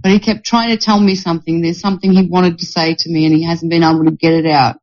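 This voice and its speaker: A woman's voice: on the low side, flat delivery, fast, darkish tone. A woman in a group meeting telling a personal story in a candid way, with laughter along the way, on a muffled recording. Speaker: group participant.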